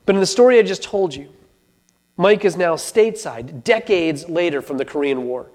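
A man's voice: sits high, lively intonation, normal speed, darkish tone. A man telling a story to an audience in an earnest way, often restarting and repeating words. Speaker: speaker. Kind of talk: storytelling talk.

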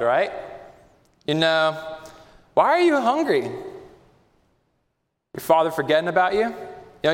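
Preacher doing sly coaxing devil, a bit higher, echoing hall. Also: male voice, heavily acted. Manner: wheedling, mock-concerned questioning. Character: sly coaxing male tempter, Satan. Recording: long reverb of a large hall.

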